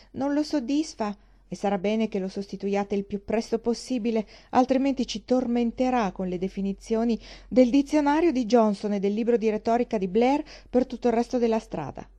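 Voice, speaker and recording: Woman voicing a calm young lady, gently chiding, mellow. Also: on the high side, lightly acted. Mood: reproving.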